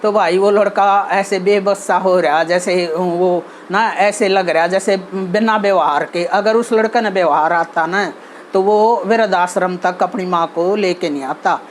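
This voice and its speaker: A woman with a Haryanvi accent hosts her channel, giving earnest advice on social behavior in casual talk full of fillers and restarts. Her voice is fairly low and her pace measured, with a little hiss or hum in the background.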